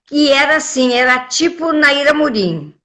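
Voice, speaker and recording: Older woman, high bright voice, animated anecdotal guest. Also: normal speed. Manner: lively storyteller, acts out quoted voices. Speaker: voice actress guest. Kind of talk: anecdotal interview chat.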